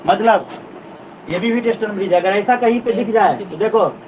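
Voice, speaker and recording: A man with a high-pitched, darkish voice teaches physics at a normal speed in a classroom lecture. He explains step by step, repeats key points and checks that his students are following. The recording is distant, dull and noisy.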